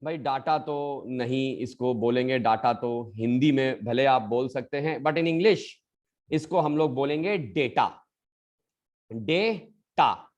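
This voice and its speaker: A man teaching an English pronunciation lesson, speaking at an unhurried pace with a pitch in the middle range. He explains patiently and calls his students children. He stretches out each word slowly so the class can copy it. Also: a little mellow, dull audio. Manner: repeats words slowly to model pronunciation.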